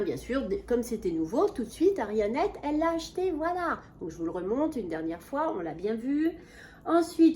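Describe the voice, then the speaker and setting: A chatty, enthusiastic woman talks straight to camera in a casual home vlog, voice at a middle pitch. She stops and restarts often and keeps calling her viewers friends, with a faint hum of ambience behind her. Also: warm tone. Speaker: beauty vlogger. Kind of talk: casual product review vlog. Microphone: camera mic at a small table.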